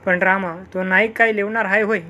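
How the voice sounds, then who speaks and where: A reader puts on an older village man for a storybook tale, with rustic, talkative speech. His pitch sits in a middling range. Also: little pitch movement, fairly quick, bright, forceful tone, a little hiss or hum, natural voice.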